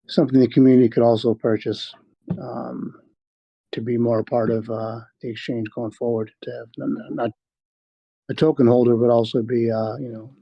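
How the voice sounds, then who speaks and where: A man, a project developer, answering in a casual live voice chat, halting, with many fillers and restarts. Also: mid-range voice, vocal fry, breathy edge, dry recording, dull audio.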